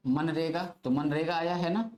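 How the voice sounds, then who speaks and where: A man's voice: a little high, moderate pace, a little mellow. Man lecturing, repeating key phrases. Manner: repeats key phrases, checks in with "theek hai" often. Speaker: polity teacher. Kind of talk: classroom lecture to exam students.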